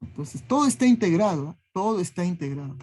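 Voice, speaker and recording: A man's voice: high-pitched, lively intonation, quick pace, a little mellow. A man teaching a class, listing ideas one word at a time and checking in with a questioning "¿no?" after nearly every phrase. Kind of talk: classroom lecture.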